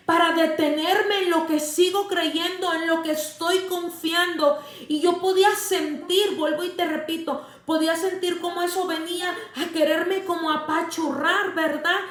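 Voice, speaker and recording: A woman's voice: extremely high pitch, a bit bright, echoey room. A middle-aged woman preaching a livestreamed sermon from home, fervent and repeating phrases for emphasis. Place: seated indoors at home.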